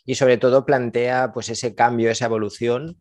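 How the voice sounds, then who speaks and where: A man's voice: mid-range voice, level tone, moderate pace, a little mellow, dry recording. A middle-aged man with a Spain Spanish accent, casually recommending business books as podcast co-host, rambling with fillers and self-corrections.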